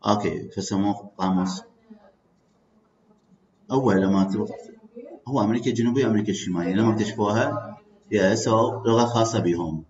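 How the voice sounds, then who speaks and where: A man with an Iraqi accent teaching English vocabulary, switching between English and Arabic, repeating words slowly and checking in with "okay" and "clear". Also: on the low side, darkish tone. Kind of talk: bilingual classroom lecture. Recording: echoey muffled classroom recording.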